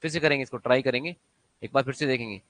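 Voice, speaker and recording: A man's voice: mid-range voice, very fast, a bit bright, dry recording. A man teaching an exam-prep maths lesson, constantly quizzing students with rhetorical questions.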